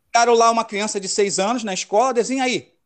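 A man's voice: very high voice, quick pace, a bit bright. A man from Brazil hosting a casual football chat, emphatic and opinionated, full of slang. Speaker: podcast host.

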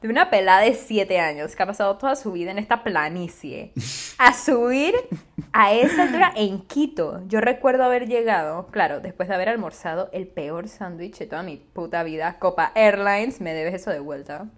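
A young woman with a Panamanian accent, co-hosting a casual podcast, telling lively stories, swearing freely and slipping into English. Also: mid-range voice, moderate pace. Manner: swears often and slips into English; lively storyteller. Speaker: podcast co-host. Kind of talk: casual chat.

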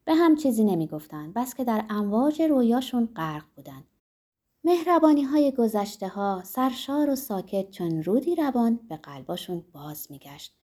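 A woman narrating a novel aloud in a calm, expressive storytelling voice. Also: on the high side.

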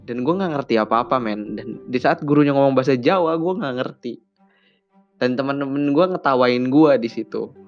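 A young podcast host from Bandung, West Java, Indonesia, tells personal stories in chatty, relaxed Jakarta slang, sometimes raising his voice to act out childhood conversations. His middle-pitched voice goes at normal speed, the audio a bit dull with soft music faintly underneath.

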